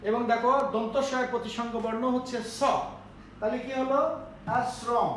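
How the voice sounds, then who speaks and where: A man's voice: very high-pitched, level tone, a little fast, a little hiss or hum. A male teacher giving a classroom lecture on pronunciation, explaining step by step and often checking that students follow. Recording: echoey room, voice from far off.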